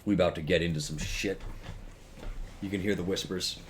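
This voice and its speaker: A man's voice: sits low, steady tone, normal speed, slight background noise. A man streamer reading a visual novel aloud, with casual, profane asides between the narration.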